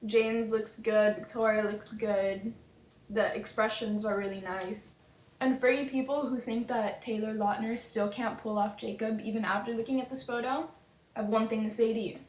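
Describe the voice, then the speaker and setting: A young woman chatting in a casual fan vlog, gushing and full of fillers. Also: a little high. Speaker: fan vlogger. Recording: roomy webcam audio with faint hiss.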